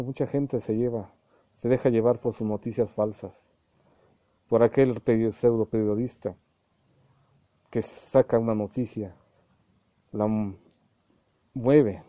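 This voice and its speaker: A man's voice: mid-range voice, steady tone, unhurried, long pauses, mellow, no room sound. A man, a spiritualist medium preaching a channeled sermon to his followers, repeating points and acting out quoted dialogues. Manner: addresses listeners as little brothers, repeats himself, acts out quoted dialogues.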